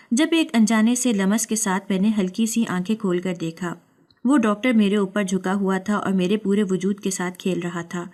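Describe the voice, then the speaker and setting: A woman narrates a first-person story in a scripted, dramatic way. Her voice sits at a middle pitch and leans into emotion. It sounds like a storytelling channel reading. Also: darkish tone.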